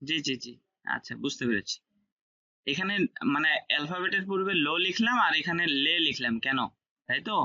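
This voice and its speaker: A man's voice: on the high side, animated, a little fast, sharp tone, lo-fi sound. A man teaching an online class, explaining step by step, repeating key words and checking that students follow. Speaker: French teacher.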